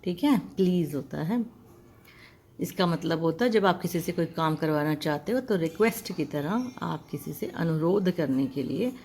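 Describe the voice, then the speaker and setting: A woman's voice: fairly low pitch, breathy edge. A woman teaching an English lesson, spelling words out letter by letter and drawing out each sound. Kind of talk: classroom-style language lesson.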